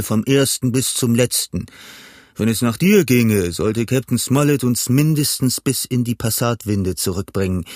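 A cunning older pirate cook lectures his crew in a gruff, blustering voice, as a man reads him in an audiobook. The pitch sits mid-range for a man, and the recording is dry with no room sound. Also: a little mellow, no echo, lightly acted. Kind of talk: audiobook reading.

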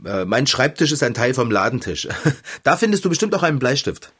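A man voicing a friendly shopkeeper who owns a cat, cheerful and chatty, with a husky voice. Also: medium pitch, big pitch swings, a little fast, a bit bright. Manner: cheerful, talks to an invisible friend.

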